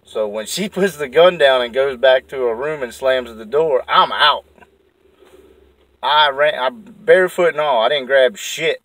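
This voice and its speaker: A man's voice: medium pitch, unhurried, a bit bright, dry recording, far from the mic, low-quality recording. A man telling a story in a rambling, profane, heated way. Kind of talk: casual storytelling.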